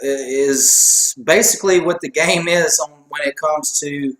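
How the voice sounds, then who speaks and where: A man with a slightly high, somewhat bright voice speaks at an unhurried pace. He co-hosts a casual sports chat show, rambling along and making jokes at his own expense. The room he's in sounds echoey.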